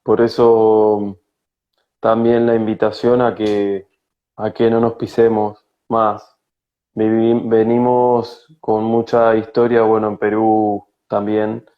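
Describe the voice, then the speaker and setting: A man from Argentina with a Rioplatense accent, a spiritual guide talking slowly and searchingly in an interview, with frequent hesitations. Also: on the low side, flat delivery, highs cut off. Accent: Rioplatense Spanish. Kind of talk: reflective conversational interview. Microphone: video call.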